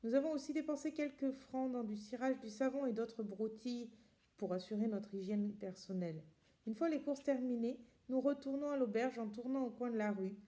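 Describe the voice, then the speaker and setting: A woman reading a diary aloud in a calm, measured way, then commenting with some hesitant fillers. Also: medium pitch. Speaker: reader.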